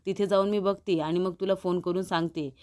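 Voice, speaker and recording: A woman voicing a frightened, scheming young woman in a serial recap, anxious and hurried. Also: fairly low pitch, fairly even intonation, darkish tone, lightly acted.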